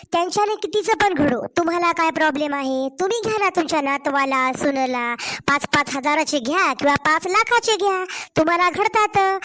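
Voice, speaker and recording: A hoarse young wife, voiced by a woman for a cartoon story, pouring out complaints in a Marathwada Marathi accent. Her voice is high and steady. She pleads and protests. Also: natural voice. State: hoarse from a cold. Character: young wife and mother, aggrieved daughter-in-law.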